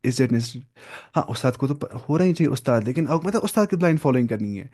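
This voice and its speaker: A man's voice: medium pitch, expressive, mellow. A man, giving an informal classroom lecture on religious law, conversational and repeating key terms. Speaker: religious studies teacher.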